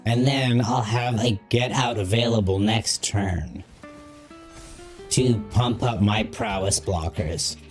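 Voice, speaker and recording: A man's voice: on the low side, slow pace, faint music behind. A man talking through a voice modulator filter, thinking aloud through each move as a streamer in casual gameplay commentary. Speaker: streamer playing a card game.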